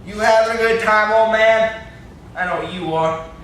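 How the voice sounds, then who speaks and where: With a high-pitched, fairly bright voice and an unhurried delivery, a young adult man plays a blustering, indignant country captive in an amateur play, scolding angrily in folksy, complaining, threatening speech. The echoey, classroom-like indoor room is captured by a distant camera mic, along with faint noise.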